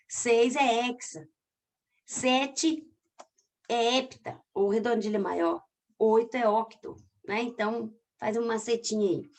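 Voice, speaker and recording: A woman's voice: fairly high pitch, a little mellow. A woman with a Brazilian accent teaching a literature class, explaining in a chatty way and talking straight to her students. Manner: stretches words out when scanning syllables. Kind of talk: recorded online class.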